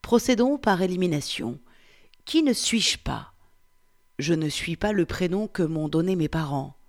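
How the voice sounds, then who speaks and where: A woman reading the part of a 47-year-old Frenchman, reciting in a slow, hushed, meditative way. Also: on the low side, lively intonation. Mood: contemplative. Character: 47-year-old French man, pondering who he is. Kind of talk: reading a novel aloud.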